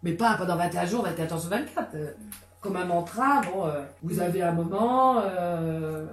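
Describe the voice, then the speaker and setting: A woman psychotherapist giving a lively, conversational talk with many fillers and restarts. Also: on the low side, normal speed. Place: conference room. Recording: echoey room, mic far off.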